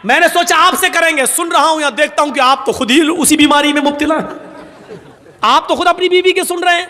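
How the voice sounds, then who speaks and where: A man's voice: extremely high pitch, bright, forceful tone, pitched above the performer's own voice. A man voicing a timid young husband who pleads his complaint about his wife in a strained voice. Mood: pleading. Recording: long hall reverb.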